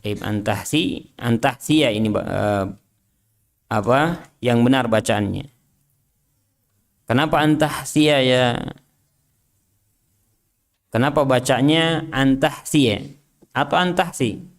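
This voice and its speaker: A man's voice: medium pitch, slow, gravelly, pauses often. A man teaching an Islamic study class. He reads Arabic text aloud, translates and explains it, and drills his students with short questions. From Indonesia. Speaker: religious teacher.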